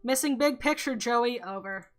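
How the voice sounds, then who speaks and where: A woman's voice: fairly high pitch, moderate pace, soft background music. A woman voicing a paranoid teenage boy in a put-on robotic voice, speaking in terse, clipped radio talk. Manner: terse, clipped, ends each turn with "over". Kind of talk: reading a story game aloud.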